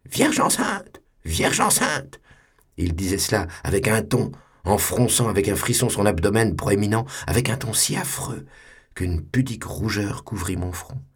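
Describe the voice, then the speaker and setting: Low, husky man reading dramatically. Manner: measured, theatrical.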